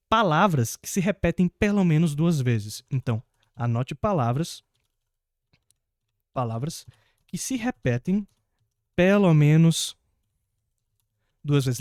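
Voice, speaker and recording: A man, an English teacher explaining grammar to the viewer, patient and repeating key points, slowing down for each example sentence. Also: fairly high pitch, no echo, clean studio sound.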